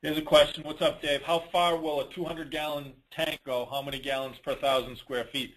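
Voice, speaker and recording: In an informal Q&A on a dealer network conference call, the male host answers questions and gives blunt, colloquial advice, often repeating points for emphasis. His voice is a little high and fairly bright, brisk, with little pitch movement. The recording is low quality.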